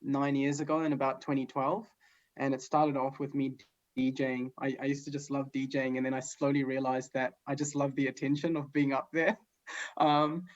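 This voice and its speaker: A man's voice: mid-range voice, moderate pace. Man chatting casually over dull audio. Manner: relaxed, rambling with many fillers. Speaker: guest musician. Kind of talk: casual chat. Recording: dull lo-fi sound.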